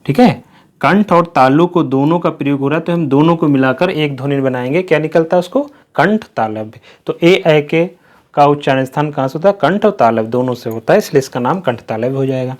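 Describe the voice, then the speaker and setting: A male Hindi grammar teacher with a somewhat high-pitched voice. He walks through the lesson slowly, drills each point by repeating it, and poses questions that he answers himself. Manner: slow, repetitive explaining with questions to the class. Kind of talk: classroom-style lesson.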